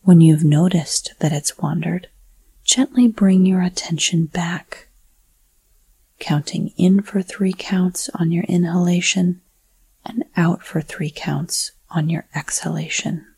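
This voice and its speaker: Slow whispering woman guiding meditation. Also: on the low side, steady tone, creaky, a little mellow, husky, no echo. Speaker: meditation guide. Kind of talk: guided breathing meditation.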